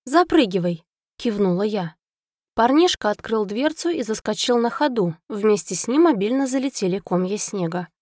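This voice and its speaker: A woman narrating a first-person fantasy audiobook in an expressive storytelling manner, close to the mic. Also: medium pitch, moderate pace, no echo.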